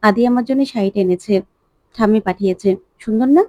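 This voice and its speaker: A woman voicing a lively, chatty young wife in her own plain voice. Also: medium pitch, quick pace, dry recording, close to an everyday voice.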